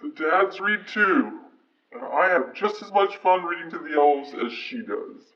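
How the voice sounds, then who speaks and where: A man playing a kindly old Santa Claus, answering interview questions in a gentle, reassuring, fatherly way. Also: fairly high pitch, expressive, unhurried. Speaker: interview guest. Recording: dull archived clip, distant mic.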